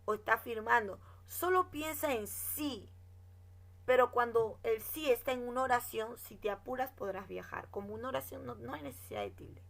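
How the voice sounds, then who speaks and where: A woman teaching a grammar lesson, her fairly high voice carrying a gravelly, creaky texture. She lays out each rule at an unhurried pace and reads example sentences aloud, often tagging a questioning "right?" to keep her class with her. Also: lively intonation, fairly bright tone. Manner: explains slowly, checks with "¿no?" and "¿de acuerdo?".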